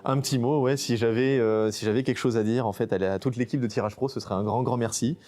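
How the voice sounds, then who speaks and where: A man's voice: mid-range voice, steady tone, fast, darkish tone. A man from French Guiana, a nature photographer, talking casually in an interview with many fillers and restarts.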